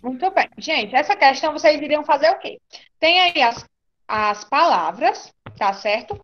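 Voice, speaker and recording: Brazilian woman, schoolteacher, online lesson, reassuring, high pitch. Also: lively intonation, normal speed, a bit bright, muffled recording. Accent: Brazilian Portuguese. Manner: reassuring, repeats "tá certo?". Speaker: teacher. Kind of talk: online class teaching.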